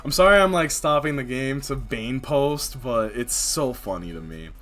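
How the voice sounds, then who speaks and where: Chatty male game streamer, medium pitch. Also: expressive, moderate pace, a bit bright, faint music behind. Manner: rambling, laughs often, lots of filler words. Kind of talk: casual live-stream chat while gaming.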